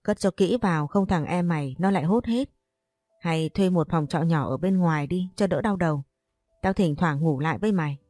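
A woman's voice: fairly low pitch, normal speed, dark tone, dry recording, clean studio sound, soft background music, lightly acted. A woman voicing a brash, talkative young woman friend who teases and scolds bluntly in an audio story. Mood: teasing.

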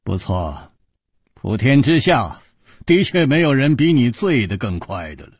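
A man voicing a calm, modest male hero with a dry, easy humor. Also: mid-range voice, measured pace, breathy edge, dry recording, full character voice. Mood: wry.

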